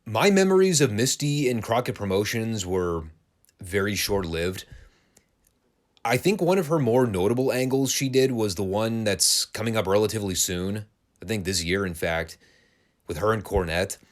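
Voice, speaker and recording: Man, low-pitched voice, wrestling podcast host, dry sarcastic humor, casual review. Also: animated, normal speed.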